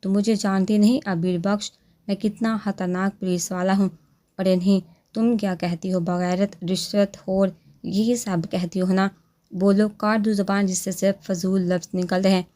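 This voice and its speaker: A woman's voice: mid-range voice, fairly even intonation, normal speed, warm tone, natural voice. A woman reading the lines of a menacing young policeman husband in a story, mocking and commanding. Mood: threatening.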